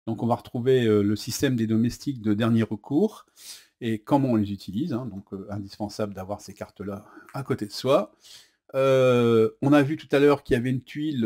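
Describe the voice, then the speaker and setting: A man's voice: mid-range voice, darkish tone. Chatty French man demoing a board game. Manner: chatty, says "hop" as he flips cards; hesitant, many fillers. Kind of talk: casual unboxing and rules demo.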